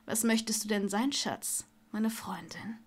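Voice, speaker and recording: A woman voicing an arrogant young wizard man in an audiobook, with a hushed, drawling manner. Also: medium pitch, unhurried, husky. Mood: smug. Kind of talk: audiobook character voice.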